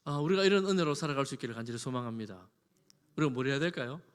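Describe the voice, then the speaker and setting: A man, a pastor, preaching a sermon. He moves from loud emphasis to soft, conversational asides with homely examples. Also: medium pitch, animated, very fast, clean tone. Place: church sanctuary. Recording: long reverb of a church hall.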